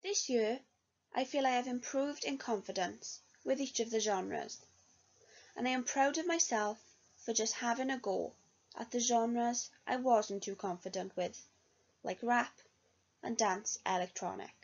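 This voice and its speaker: At a measured pace, a young woman whose voice is a little high reads an earnest self-review about her year studying singing as a music student. The recording sounds dull and lo-fi.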